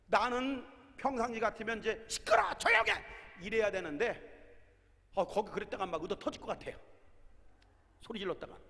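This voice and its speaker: Animated pastor in his sixties. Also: high-pitched. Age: 60s. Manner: animated storytelling with shouted exhortations. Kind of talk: sermon. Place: large prayer hall sanctuary. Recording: long reverb of a large hall.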